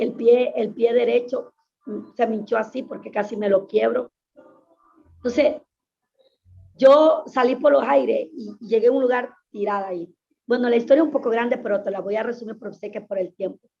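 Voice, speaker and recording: A woman's voice: a little high, steady tone, moderate pace, creaky, dark tone. A woman pastor giving an earnest, emphatic personal testimony in an interview, often repeating her phrases. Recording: dull lo-fi sound.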